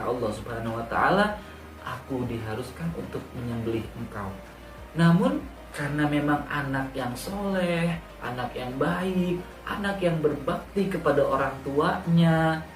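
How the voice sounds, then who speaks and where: A man telling a religious story to children in an expressive way, addressing his young listeners directly with emphatic repetition. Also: mid-range voice. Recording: roomy echo, distant mic, background music. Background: music.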